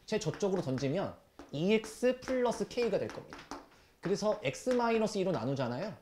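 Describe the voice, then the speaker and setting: A man teaching math to high school students, scolding them bluntly with rough language and rhetorical questions. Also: sing-song, normal speed, darkish tone, slight background noise. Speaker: math tutor. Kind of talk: classroom lecture.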